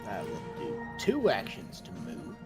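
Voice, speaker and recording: Animated man playing a tabletop game. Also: low-pitched, a little slow, music in the background. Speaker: player. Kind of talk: casual tabletop game chat.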